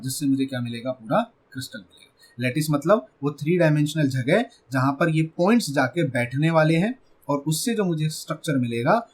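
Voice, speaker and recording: A male chemistry teacher with an Indian English accent gives an exam-prep lecture. His voice sits a little high. He keeps asking the class questions and answers them himself, repeating key words. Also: husky.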